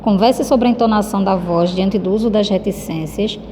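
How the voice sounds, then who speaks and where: A woman's voice: mid-range voice, normal speed, mellow. A Brazilian woman teaching a recorded lesson. She speaks affectionately and keeps checking in with her students. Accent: Brazilian Portuguese. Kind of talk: recorded lesson explaining a textbook. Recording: reverberant room with faint background noise.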